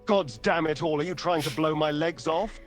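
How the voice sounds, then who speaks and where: A man's voice: fairly high pitch, steady tone, moderate pace, faint music behind, close to an everyday voice. A man voicing a smug, teasing male vampire rogue who taunts and hisses. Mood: exasperated. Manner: taunting, hissing through clenched teeth.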